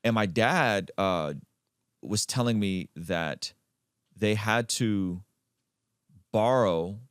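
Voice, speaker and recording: A man from Azerbaijan hosting a podcast conversation, talking emphatically and leaping up in pitch to stress his points. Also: extremely slow, clear, resonant tone, no room sound, studio quality. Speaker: podcast host.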